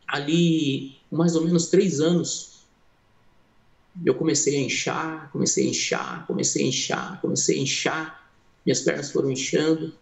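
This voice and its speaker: A man's voice: fairly high pitch, gravelly, darkish tone, echoey room. A man preaching a testimony sermon in a church, telling his story dramatically and acting out the people in it while addressing the listeners as brothers.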